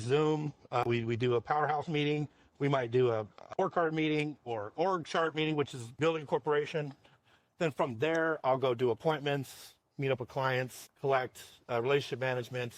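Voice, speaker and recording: Man, company owner, casual interview talk, rambling, repeats words, mid pitch, dry sound. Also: no echo. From Washington state, USA.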